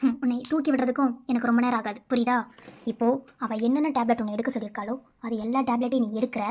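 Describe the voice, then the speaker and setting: A woman's voice: on the high side, steady tone, rapid-fire, a little mellow, close to an everyday voice. A woman voicing a scheming, threatening female doctor in a cartoon, giving cold commands. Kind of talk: cartoon voice acting.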